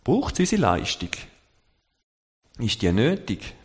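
A man giving a sermon at a halting pace, searching for words and slowing down for scripture quotes. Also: medium pitch, wildly swooping pitch, darkish tone. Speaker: lay preacher. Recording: long church reverb.

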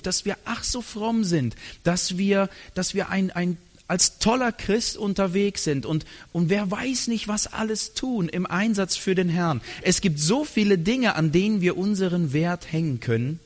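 A man preaching a sermon earnestly, dropping to a hushed tender voice for God's words. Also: high voice.

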